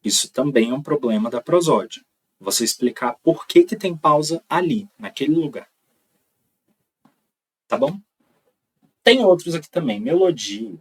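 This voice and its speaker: A man's voice: a little high, lively intonation, a little slow, long pauses, husky, recorded from a distance, poor audio. A man with a Brazilian accent teaching an online lecture, explaining step by step and checking in with frequent "tá?". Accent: Brazilian Portuguese.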